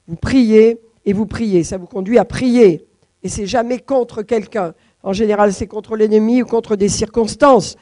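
A woman's voice: mid-range voice, warm tone, no echo. A woman preaching a sermon to her congregation, stressing scripture lines with repetition and rhetorical questions.

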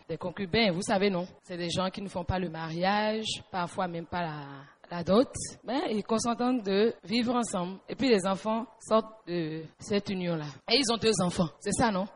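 A woman leading a church seminar, retelling a question and checking with the audience as she teaches. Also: medium pitch. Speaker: seminar speaker answering questions.

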